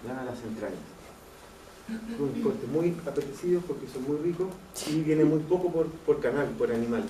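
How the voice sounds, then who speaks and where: In a lecture hall, a man explains anatomy to his class step by step, repeating key terms and making sure students are following. His voice is slightly high and dark in tone, at a normal pace. The mic is far off in the echoey room, picking up faint ambience and slight background noise.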